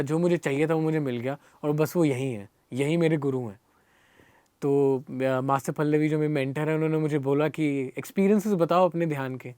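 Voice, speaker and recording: A man's voice: on the high side, a little mellow, no echo. Earnest young man with a Hindi accent. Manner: emotional, earnest, many restarts and repetitions. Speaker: guest. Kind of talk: personal storytelling in an interview.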